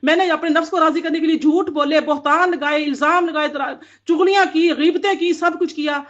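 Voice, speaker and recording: A woman's voice: sits high, fairly even intonation. A woman giving an earnest devotional Quran commentary to women, exhorting them in repeated phrases. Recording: dull lo-fi audio.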